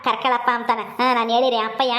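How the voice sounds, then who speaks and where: A woman's voice: fairly high pitch, little pitch movement, quick pace, a bit bright, lightly acted. A woman playing a simple-minded grown son who coaxes and pleads. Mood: coaxing. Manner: coaxing, pleading.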